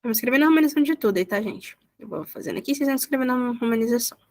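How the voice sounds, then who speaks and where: Woman, young adult, online teacher, slightly higher voice, chatty and encouraging. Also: lively intonation, very fast. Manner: chatty, encouraging, drawls out example words. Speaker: language teacher. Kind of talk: online class explanation. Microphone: video call.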